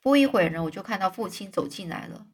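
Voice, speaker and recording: A woman's voice: medium pitch, lively intonation, quick pace, husky. A woman reading a novel aloud as a storyteller, stopping often to explain difficult words in plain terms.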